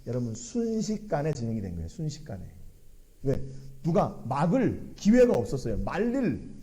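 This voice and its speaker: A man's voice: on the high side, huge pitch swings, normal speed, mellow. A middle-aged man preaching a sermon in a church, asking the congregation earnest rhetorical questions. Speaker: pastor.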